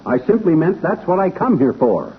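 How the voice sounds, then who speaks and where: An American actor playing a blustery, wisecracking husband with folksy, grumbling talk in 1950s radio comedy. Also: male voice, high voice, very animated, normal speed, slightly rough, heavily acted. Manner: colloquial, grumbling, punning. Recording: tinny, very noisy 1950s radio recording.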